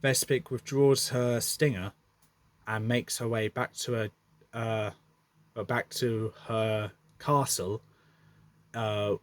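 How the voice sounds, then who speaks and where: A man's voice: fairly low pitch, fairly even intonation, takes it slowly, pauses often. A man narrating a monster battle story off the cuff, hesitant, with many fillers and self-corrections.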